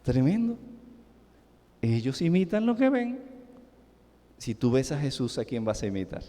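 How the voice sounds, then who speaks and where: A man's voice: mid-range voice, sing-song, unhurried, warm tone. A middle-aged man with a Venezuelan accent preaching a sermon in a church, emphatic and full of rhetorical questions. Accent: Venezuelan Spanish. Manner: emphatic, rising and falling sharply, with rhetorical questions. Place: church sanctuary. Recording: echoing church hall.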